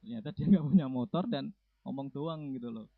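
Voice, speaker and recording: Young male stand-up comic, rambling and self-correcting, gravelly tone, dry close sound. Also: medium pitch, brisk, dry recording. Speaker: stand-up comedian. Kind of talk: stand-up joke telling. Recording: dry, tinny phone-like sound.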